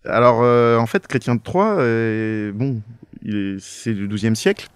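A man, a podcast guest, explaining a topic in casual chat, hesitant with frequent pauses. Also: medium pitch, clear, resonant tone, no echo. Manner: hesitant, many fillers and restarts.

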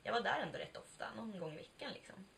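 A woman's voice: medium pitch, animated, gravelly, a bit bright. A woman in her twenties telling a personal story in a chatty, candid way, swearing now and then and acting out bits of dialogue. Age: 20s. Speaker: vlogger. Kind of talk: casual confessional storytelling. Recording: distant mic with faint background noise.

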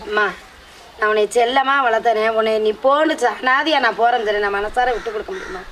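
A woman's voice: fairly high pitch, a little fast, a bit bright, a little hiss or hum, lightly acted. A middle-aged woman acting a mother who keeps begging her daughter to come home in an amateur family skit, repeating herself, outdoors. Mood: pleading. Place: outdoors by a house.

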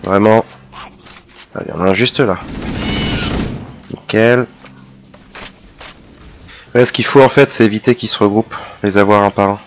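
A man giving casual, chatty commentary over his own gameplay, excitable and quick to mock himself. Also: lowish voice, noisy background. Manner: chatty, self-mocking, excitable. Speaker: let's play gamer.

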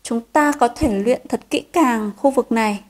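A woman teaching a children's piano lesson, gentle and encouraging, counting beats and singing note names. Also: fairly high pitch, unhurried.

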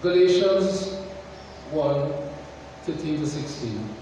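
A man preaching a sermon in a church, slow and deliberate, putting questions to the congregation. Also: on the high side, animated, mellow, slight background noise. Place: large church hall. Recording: echoey church hall from far off.

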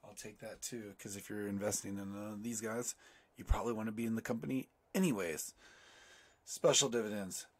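Hoarse, husky man explaining finance. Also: lowish voice, a little fast. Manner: loose and chatty, with many fillers and asides. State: hoarse from a cold. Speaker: personal finance video host. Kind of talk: casual explainer reading an article aloud.

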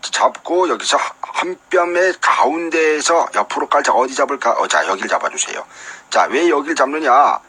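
A man's voice: medium pitch, lively intonation, normal speed, sharp tone, husky. A man giving a mock tutorial as a comic instructor, demonstrating step by step.

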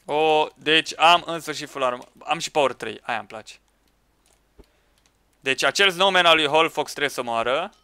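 Guy yelling at his team in minecraft, crisp clear voice, keyboard clacking. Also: on the high side, dry recording. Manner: excitable, shouting at teammates, laughing. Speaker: gaming YouTuber. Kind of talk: Minecraft let's play commentary with friends.

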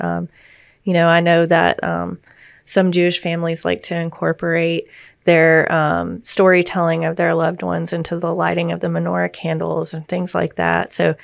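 A woman speaking as a grief counselor and podcast co-host, giving gentle, reassuring explanations in conversation. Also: lowish voice, vocal fry, dry recording, studio quality.

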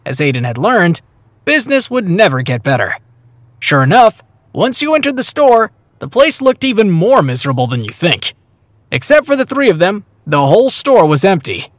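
Animated man narrating an audiobook. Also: high-pitched, no room sound. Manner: animated storytelling. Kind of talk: scripted narration. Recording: dry close recording, faint music.

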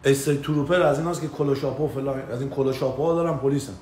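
On a live stream from indoors in the US, a man swears and uses slang as he casually tells a story, calling out viewers by name. His voice is mid-range, steady, and a bit dark. The room is echoey, with faint ambient noise.

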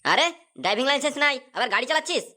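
A woman's voice: high voice, lively intonation, very fast, sharp tone. A woman voicing a short-tempered male police officer in a cartoon, barking orders at young riders. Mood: angry.

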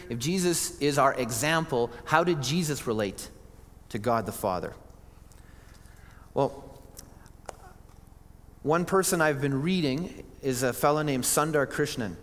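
In a church sanctuary with the reverb of a church hall, a male pastor preaches earnestly and conversationally, often restarting his sentences. His voice is medium-pitched and fairly bright.

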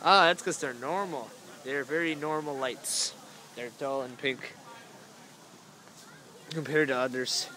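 Recorded on a handheld camera with noisy crowd and outdoor sound, this young vlogger gives casual walking commentary at a nighttime zoo light show. He's rambling and easily amused, speaking slowly with frequent pauses in a medium-pitched voice that's bright and forceful.

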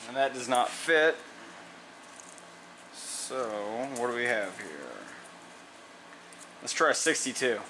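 Working in a garage, a plainspoken man explains his engine rebuild as a casual how-to, thinking aloud with fillers and false starts. His medium-pitched voice is bright and forceful, slow with frequent pauses. The low-quality recording carries a little hiss or hum.

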